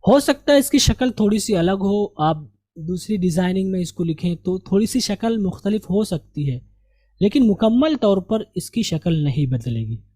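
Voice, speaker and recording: A man teaching an English lesson, speaking slowly and repeating each letter with questions to the learner, in Hindi with many Urdu words. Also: high voice, animated, dark tone. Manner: Urdu-flavoured Hindi speech.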